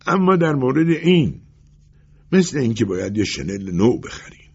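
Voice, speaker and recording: Storybook tailor: a man playing a gruff, stubborn old craftsman, gravelly and raspy, lo-fi. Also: mid-range voice, very animated, darkish tone, voice pushed up, full character voice. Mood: blunt. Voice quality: blunt, matter-of-fact. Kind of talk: audiobook character voice. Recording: dull lo-fi recording.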